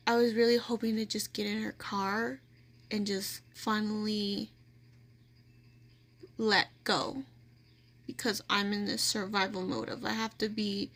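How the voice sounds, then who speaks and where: A woman's voice: medium pitch, a bit bright. A woman vlogger casually telling a personal story, rambling with lots of "like" fillers and restarts.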